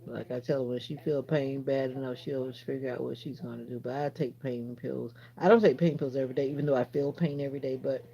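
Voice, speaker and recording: A woman's voice: extremely low pitch, fairly even intonation, brisk, gravelly, few pauses, mellow. A woman hosting a casual livestream from her phone, chatting straight to viewers and answering their comments with rambling asides. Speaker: livestream host.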